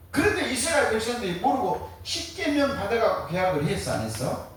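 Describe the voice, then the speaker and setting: A man preaching a sermon as pastor, firing rhetorical questions and answering them in a colloquial, joking way. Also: very high-pitched. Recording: very echoey, distant mic.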